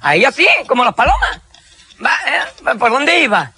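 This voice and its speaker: Rowdy high-voiced man shouting jokes. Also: huge pitch swings, normal speed, slightly rough. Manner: rowdy, laughing, shouts punchlines. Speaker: joke teller. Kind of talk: telling jokes among friends.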